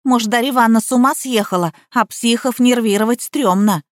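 A woman voicing a sharp-tongued, cheeky housekeeper who speaks in coaxing, colloquial language. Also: a little high, fairly quick, no room sound, clean studio sound, close to an everyday voice.

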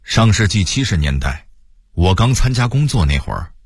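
Brief: Beijing-accented male radio storyteller in his sixties, wry, expressive pitch, dry close studio sound. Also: normal speed, breathy edge, dry recording. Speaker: narrator. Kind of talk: reading a personal essay on radio.

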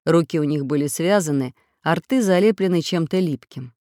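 A woman narrating a children's audiobook with animated storytelling. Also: deep voice, normal speed, dry recording, clean studio sound. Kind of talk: expressive children's story reading.

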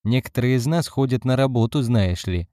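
A man's voice: medium pitch, expressive, brisk, warm tone, no room sound, studio quality, pitched above the performer's own voice, close to an everyday voice. A man reading an audiobook, voicing a nervous, tearful woman who whimpers and gets flustered. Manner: whiny, flustered. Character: nervous, tearful adult woman, friend and host.

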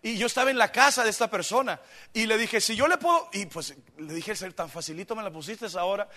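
A male pastor preaching a sermon, moving from quiet storytelling to shouted emphasis. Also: high-pitched, fast, long reverb tail. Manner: animated preaching, swings from soft storytelling to shouting. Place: church.

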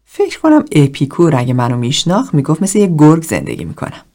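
A woman reads a cold, self-loathing middle-aged man confessing in a low, breathy half-whisper. His dark voice still swings widely in pitch as he speaks, and the hush never lifts from this audiobook reading. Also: huge pitch swings, exaggerated voice. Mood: brooding.

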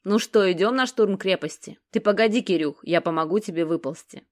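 A woman's voice: medium pitch, brisk, darkish tone, lightly acted. A woman voicing a chatty, good-natured young man who rambles and mumbles, in an audiobook. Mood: cheerful. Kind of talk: audiobook character voice.

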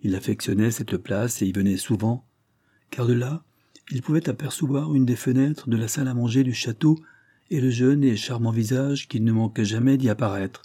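A man narrating an audiobook of a Victorian novel in a measured, steady way. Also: mid-range voice, slightly rough, no echo, clean studio sound.

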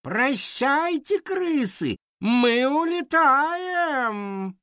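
A man voicing an excitable, sniffly male cat in a storybook, with shrill squealing exclamations. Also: extremely slow, dry recording, clean studio sound, full character voice. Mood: excited. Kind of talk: storybook character voice.

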